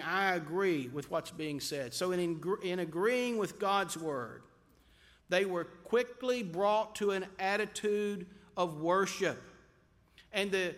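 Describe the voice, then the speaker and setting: A man preaching a sermon as pastor, slow and emphatic, drawing out key words. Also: sits high, a bit bright, in a large hall.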